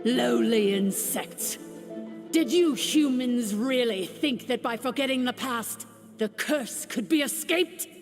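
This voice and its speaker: A woman's voice: a little high, expressive. A woman voicing an almighty dragon lord in a video game, a haughty ancient female tyrant who speaks with grandiose scorn. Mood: menacing. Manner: grandiose, scornful, slow and commanding. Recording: game audio with long reverb. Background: game music.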